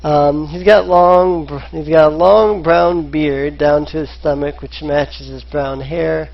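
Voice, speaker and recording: Slow gravelly game master, hesitant, lots of ums, lo-fi audio. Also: medium pitch, steady tone. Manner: hesitant, many filler sounds. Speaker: dungeon master. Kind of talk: narrating a tabletop game. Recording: dull lo-fi online recording.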